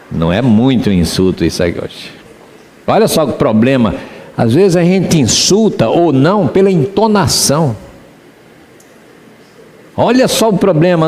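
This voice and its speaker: A man's voice: fairly high pitch, darkish tone, long reverb tail. A man pastor with a Rio de Janeiro accent, preaching a sermon in church and asking the congregation rhetorical questions. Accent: Rio de Janeiro Portuguese.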